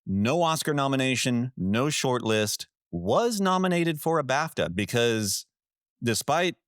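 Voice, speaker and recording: A man's voice: medium pitch, animated, unhurried, dry recording, studio quality. A man co-hosting a casual film podcast. He gives blunt, opinionated takes and swears freely. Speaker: podcast co-host.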